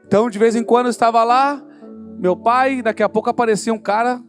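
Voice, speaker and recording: A man's voice: very high-pitched, fairly even intonation, quick pace, soft background music. A man with a Brazilian Portuguese accent preaching his testimony at a church service, telling the story and acting out the dialogue with growing fervor. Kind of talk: sermon testimony.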